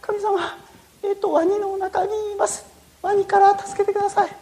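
Storyteller doing a scared little boy, high pitched, stumbling over his prayer, all panicky. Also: level tone, moderate pace, warm tone, slight background noise. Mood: pleading. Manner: panicky, pleading, fumbling for words. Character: frightened boy caught by a crocodile.

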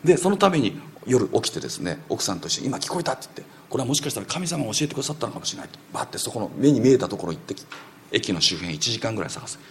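Guy preaching fast, kinda gravelly, acts out the voices in his story. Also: fairly low pitch, slight background noise. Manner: animated, acts out quoted voices, drops to whispers. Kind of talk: sermon storytelling.

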